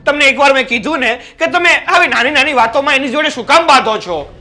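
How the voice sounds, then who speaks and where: An actor playing an earnest young brother-in-law who tries to persuade his sister-in-law and gets loud. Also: high voice, expressive, normal speed. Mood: raised.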